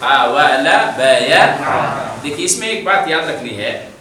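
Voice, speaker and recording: A man's voice: a little high, big pitch swings. A man teaching a grammar class to students with an Indian Urdu accent. He asks questions and answers them himself, repeating terms over and over. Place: large classroom hall with students. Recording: very echoey hall, distant mic, crowd noise.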